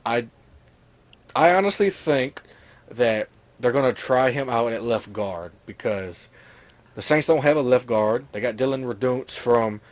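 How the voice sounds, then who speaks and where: A man's voice: medium pitch, expressive, unhurried. A man co-hosting a casual sports talk stream, talking through picks with hedges and fillers. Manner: analytical, hedging, many fillers. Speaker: co-host.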